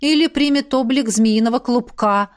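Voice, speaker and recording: A woman's voice: fairly high pitch, natural voice. Woman reading as a stern academy rector. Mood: explaining. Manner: brisk, commanding. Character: stern female academy rector, bossy mentor.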